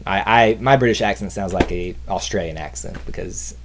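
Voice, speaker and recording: A man's voice: low-pitched, moderate pace, noisy background. A man with a Southern accent co-hosting a casual trivia livestream, chatty and enthusiastic, often trailing off and restarting. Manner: enthusiastic, rambling, self-interrupting. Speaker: trivia show co-host.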